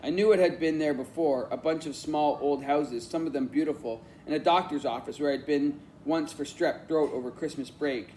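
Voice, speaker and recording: A man narrating an audiobook in an even, reflective storytelling manner. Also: a little high, normal speed, few pauses, a little hiss or hum. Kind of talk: scripted narration.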